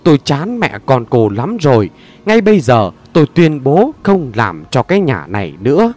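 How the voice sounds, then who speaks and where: A man's voice: medium pitch, huge pitch swings, moderate pace. A harsh young man snaps and sneers, with a voice that swings widely, as the narrator puts him on. He sounds coarse and contemptuous throughout this storybook telling. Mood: furious. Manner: shouting, sneering. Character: angry young man, rude and scornful.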